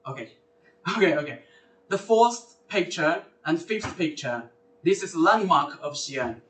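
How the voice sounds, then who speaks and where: Male lecture host, slightly high voice, halting delivery with self-corrections, echoey and distant from the mic. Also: animated, a bit bright, slight background noise. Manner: hesitant, with fillers and self-corrections. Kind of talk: presenting a live university recruitment lecture. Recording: roomy sound from far off the mic.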